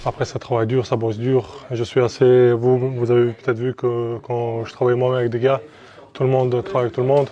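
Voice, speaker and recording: A man speaks as a strict combat sports coach, blunt and firm. His voice is dark and mellow. The recording is somewhat dull and lo-fi. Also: medium pitch, flat delivery, brisk. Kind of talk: casual interview answers.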